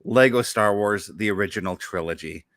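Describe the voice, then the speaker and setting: Eager man with a bright voice. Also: on the low side, normal speed, no room sound, studio quality. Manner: enthusiastic, rambling, backtracking mid-sentence. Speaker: show host. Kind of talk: casual podcast chat about games.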